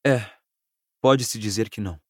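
A man's voice: on the low side, moderate pace, darkish tone, husky, no echo, clean studio sound. A Brazilian man reading an audiobook, voicing a bitter, angry teenage wizard boy who raises his voice in outbursts. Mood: questioning. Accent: Brazilian Portuguese. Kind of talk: audiobook character voice.

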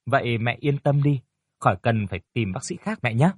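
A man voicing a timid young woman speaking softly and politely from a hospital bed. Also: medium pitch, fairly quick, slightly rough, dry recording, clean studio sound, close to an everyday voice. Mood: reassuring. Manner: soft, shy, polite.

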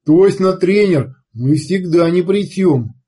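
A man voicing a crude, excitable male redcap savage who talks loud and whiny in an audiobook. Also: sits high, husky, pitched above the performer's own voice, full character voice. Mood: boastful whiny. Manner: loud, hurried, whiny boasting.

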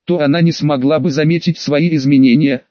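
A man reading a first-person audiobook in a plain, steady voice and voicing every character himself. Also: fairly high pitch, brisk, no echo, lo-fi sound. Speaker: audiobook reader.

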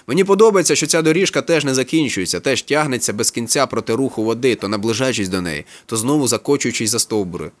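A man reading literary prose aloud as an audiobook narrator, with a brisk, even storytelling manner. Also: medium pitch. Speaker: audiobook reader.

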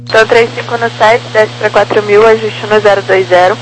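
A woman's voice: medium pitch, fairly even intonation, a little fast. A woman with a Brazilian accent giving clipped radio instructions as an approach air traffic controller. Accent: Brazilian Portuguese. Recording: humming, noisy aviation radio.

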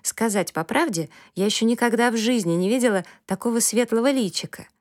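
A woman voicing a lively, curious young girl who talks frankly and eagerly in a storybook reading. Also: fairly high pitch, fairly quick, dry recording, studio quality, pitched above the performer's own voice, close to an everyday voice.

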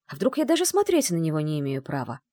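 A woman's voice: low-pitched, wildly swooping pitch, fast, mellow, no room sound, studio quality, full character voice. A woman voicing a feisty young bride from another world, whiny and exclaiming. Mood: anxious pleading.

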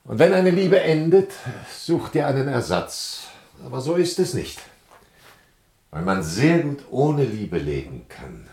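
An actor playing an aging, world-weary Odysseus, a wounded and ironic lover, theatrically in a radio play. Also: male voice, medium pitch, sing-song, unhurried, a little mellow, breathy edge, exaggerated voice. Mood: bitter, pleading. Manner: theatrical, swinging from sardonic to brooding.

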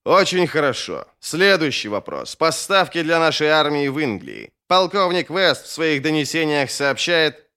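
A man voicing an officious old royal chamberlain in an audiobook, in a measured, slightly raised voice. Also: a little high, sing-song, sharp tone, clear, resonant tone, pitched above the performer's own voice, heavily acted. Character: old court chamberlain, smooth and managing.

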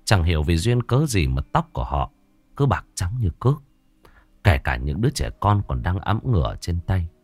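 Deep-voiced male ghost story narrator. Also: very animated, moderate pace, darkish tone, dry recording, faint music behind.

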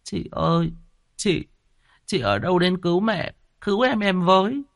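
Guy doing a little boy crying and mumbling, way up high. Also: expressive, a little slow, vocal fry, dry recording, clean studio sound, exaggerated voice. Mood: pleading. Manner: tearful, mumbling. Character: small boy crying for help.

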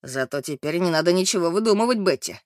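A man's voice: sits high, lively intonation, quick pace, no room sound. Guy doing a smug reporter dude in an audiobook, mocking and drawn out, dry close sound. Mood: gloating. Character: sly gloating male newspaper reporter. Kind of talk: audiobook character reading.

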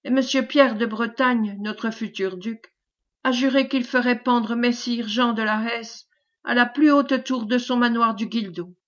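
A woman reading the lines of a servile, scheming man who flatters in a caressing, obsequious tone, in a storybook reading. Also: fairly high pitch, measured pace, dull audio. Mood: fawning. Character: fawning, sly male schemer, servile and unctuous.

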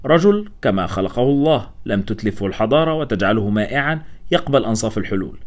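A man's voice: fairly low pitch, very animated, fast. A man voicing a frank young woman anthropologist who talks in a blunt, self-mocking way.

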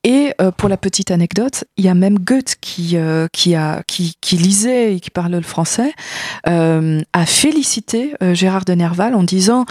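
A woman's voice: fairly low pitch, expressive, normal speed, darkish tone, dry recording, studio quality. A woman from Germany, a native German speaker, talking in French as a columnist on a casual radio chat, hesitant with many fillers.

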